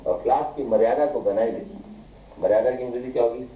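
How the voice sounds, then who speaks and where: A man's voice: mid-range voice, quick pace, phone-quality sound, a little hiss or hum. A male English teacher lecturing a class, firing questions at his students and scolding them. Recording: echoey room, far from mic.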